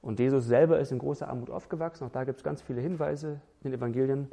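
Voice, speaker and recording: A man preaching a sermon in a dark, gravelly voice. He speaks with emphasis and strings words into lists. He drives his points home with rhetorical questions. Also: mid-range voice, steady tone, fast talker.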